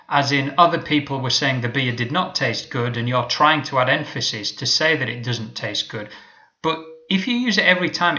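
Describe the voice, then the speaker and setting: A man teaching an English lesson, explaining patiently and modelling example sentences slowly. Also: medium pitch, sharp tone, lo-fi sound.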